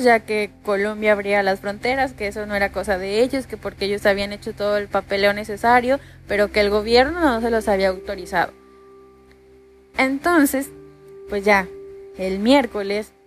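A young Mexican woman with a Mexican accent telling a personal story in a casual, chatty way, full of fillers. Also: mid-range voice. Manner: chatty, many fillers like pues and ya. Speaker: podcast host.

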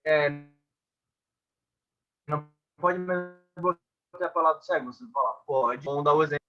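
A man's voice: a little high, moderate pace, dull audio, faint music behind. A man explaining rules in an online class over a video call, his audio glitching and breaking up. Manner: explains patiently with frequent check-ins. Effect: choppy glitching call audio. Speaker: football officiating instructor.

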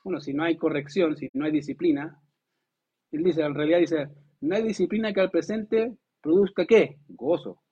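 A pastor delivering a lively, conversational sermon, asking the congregation rhetorical questions and acting out quotes. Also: male voice, a little high, moderate pace, husky. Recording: tinny phone-like sound.

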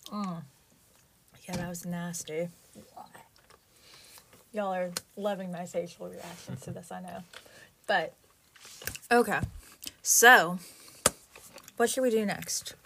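A woman's voice: lowish voice, steady tone, slow pace, vocal fry, long pauses, pushed and bright. Chatty woman recording inside a closet. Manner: chatty, rambling. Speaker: vlogger. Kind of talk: casual chat. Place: inside a small closet at home. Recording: light background noise.

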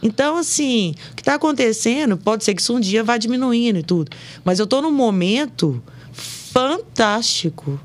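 A woman talks as a podcast guest, her voice sitting fairly high. She tells her stories with animation and acts out the dialogue. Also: moderate pace. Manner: animated storytelling, acting out dialogue. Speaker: insurance broker guest. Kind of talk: podcast interview.

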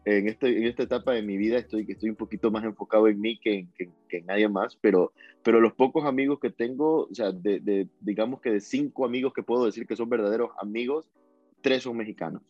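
Speaking fast in a fairly low, darkish voice, this young guest musician from coastal Ecuador chats casually in an interview, rambling and restarting words often. The lo-fi recording has no room sound, and soft music plays in the background.

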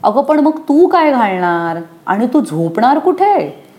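Woman reading a gentle, patient mother. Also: on the high side, slow pace, voice pushed up. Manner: calm, soothing, lightly teasing.

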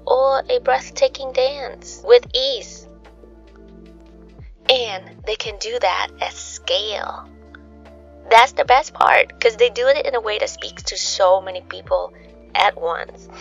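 A woman's voice: mid-range voice, gravelly. A woman hosting a bedtime sleep podcast in the manner of a sleep story narrator, musing conversationally as she goes. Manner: conversational, musing, asks rhetorical questions. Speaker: host of a relaxation sleep podcast. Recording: dull lo-fi sound, music behind. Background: soft background music.

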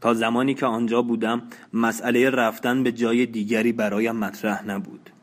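A man reading a novel aloud as an audiobook, in slow, measured, even narration. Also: mid-range voice. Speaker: audiobook reader.

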